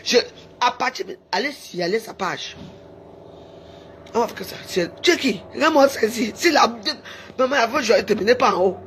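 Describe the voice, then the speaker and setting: A woman's voice: a little high, expressive, moderate pace, long pauses, slight background noise. A woman, delivering a heated, taunting rant to her camera, repeating her jabs. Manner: heated, taunting, repetitive shouting. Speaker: social media personality. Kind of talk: angry insulting rant to camera.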